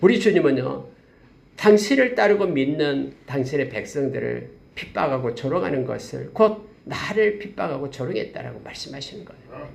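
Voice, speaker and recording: Gravelly, animated Korean pastor preaching. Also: male voice, fairly high pitch, moderate pace, reverberant. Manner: lively, emphatic preaching that rises for scripture readings. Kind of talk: Bible teaching sermon. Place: church sanctuary.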